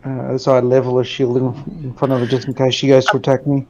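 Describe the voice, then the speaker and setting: A man's voice: medium pitch, completely flat delivery, fast talker, darkish tone, dull audio. Male player counting out his moves. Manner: thinks aloud while counting out moves. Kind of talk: casual tabletop game chat.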